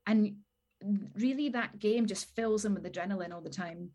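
A woman with a medium-pitched, ordinary voice who gives hands-on advice as a guest. She explains things step by step in a relaxed way, often with fillers like "um" and "like". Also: moderate pace. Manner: practical, explanatory, many fillers like "like" and "um". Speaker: dog trainer guest. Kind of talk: casual chat, giving advice.

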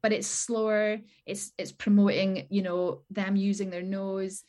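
A woman's voice: medium pitch, level tone, a little slow, a little mellow. A woman guest in a casual chat, explaining practical dog-training advice with many fillers.

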